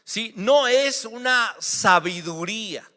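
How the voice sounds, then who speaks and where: A man's voice: sits high, lively intonation, slow pace, pushed and bright, in a large hall. A man with a Mexican accent, a pastor preaching a sermon with emphatic rhetorical questions.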